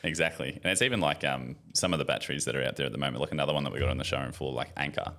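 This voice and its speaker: A man's voice: extremely low pitch, racing, sharp tone. A man with an Australian accent, a podcast guest who talks laid-back, explaining with fillers. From Melbourne area, Australia. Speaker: podcast guest, battery salesperson. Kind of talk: casual chat.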